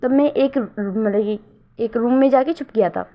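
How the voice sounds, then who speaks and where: A shy, secretive young man, as a woman reading a story puts him on, stumbling and repeating himself. The voice sits high, and the recording sounds dull and lo-fi. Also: normal speed, lightly acted. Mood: bashful. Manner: hesitant, repeats words.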